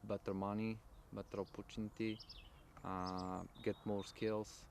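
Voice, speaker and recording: Polish-accented farm worker, man, very slow and halting, noisy outdoors. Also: fairly low pitch, little pitch movement, vocal fry, darkish tone. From Poland. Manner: slow, halting, searching for words. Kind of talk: interview.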